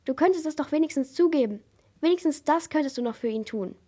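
A woman's voice: sits high, animated, fast, mellow, voice pushed up. A woman voicing a furious, vengeful rig worker. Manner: enraged, pressed out.

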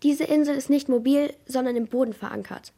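A woman voicing a quiet, hulking rig worker. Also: high voice, a little fast. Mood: shaken. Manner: mumbling, subdued.

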